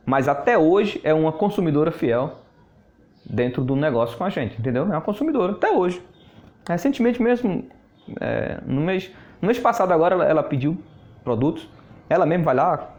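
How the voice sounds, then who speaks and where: A man's voice: a little high, darkish tone. Chatty man in an echoey room. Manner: chatty, laughs often, repeats words. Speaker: network marketing mentor. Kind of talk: casual anecdote telling.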